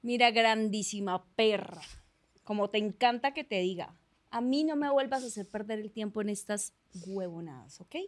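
A woman's voice: mid-range voice, normal speed, close to an everyday voice. Brief: haughty Colombian soap villainess, cutting and sneering, played by a woman. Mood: scornful. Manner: sneering, insulting, mock-threatening.

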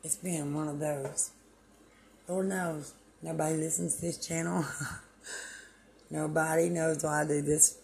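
A woman's voice: sits low, little pitch movement, takes it slowly, gravelly, long pauses, darkish tone. A woman host delivering a rambling, preachy spiritual monologue on her own channel, meandering and self-deprecating.

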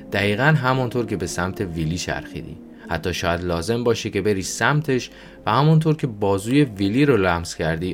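A man with a very low voice reads an audiobook aloud. His delivery is calm and even, and soft music plays faintly behind him. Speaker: audiobook narrator. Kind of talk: audiobook narration.

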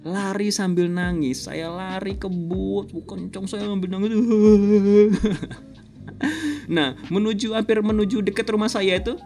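A man, hosting a podcast and telling a personal story in a casual, animated way, chuckling often. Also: high-pitched, normal speed, gravelly, few pauses, faint music behind. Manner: animated, chuckles often, acts out quoted voices. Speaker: podcast host.

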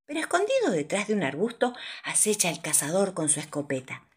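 A woman reading a children's storybook aloud in a playful, animated way. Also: deep voice, a little fast, slightly rough. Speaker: storybook narrator.

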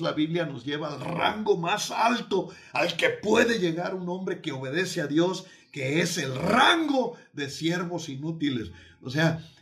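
Male preacher, slightly high-pitched, emphatic, repeats for stress, lightly humorous. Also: fairly bright tone. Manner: emphatic, repeats key phrases, slows down to stress points; teaching tone with light jokes. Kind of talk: sermon.

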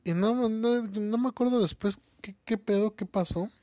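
Young Mexican man, high voice, dry recording, casual slangy storyteller. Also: normal speed, darkish tone, no room sound. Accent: Mexican Spanish. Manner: slangy, laughing, peppers talk with "güey". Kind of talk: casual chat.

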